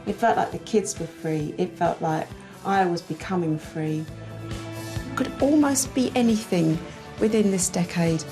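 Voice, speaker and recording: A woman's voice: lowish voice, unhurried, over music. A woman, a mother, giving thoughtful and earnest interview answers. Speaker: mother in a family food experiment.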